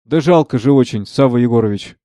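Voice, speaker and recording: A man reading the part of a timid young monastery novice, pleading in a hushed, anxious way. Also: mid-range voice, fairly quick, no room sound, studio quality, close to an everyday voice.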